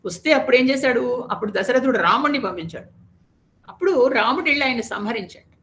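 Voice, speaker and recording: A woman storyteller recounting an epic in an expressive, explanatory way. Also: on the high side, fast talker.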